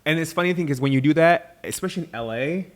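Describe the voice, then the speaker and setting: A man's voice: on the high side, quick pace. Man coaching casually, full of fillers. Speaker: host teaching acting. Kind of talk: casual chat.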